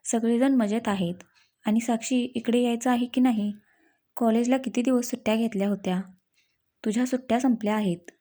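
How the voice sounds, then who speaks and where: A woman's voice: a little high, fairly even intonation, a little fast, dark tone, close to an everyday voice. A woman voicing a grumbling but fond older brother in a read-aloud story. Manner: gruff, scolding.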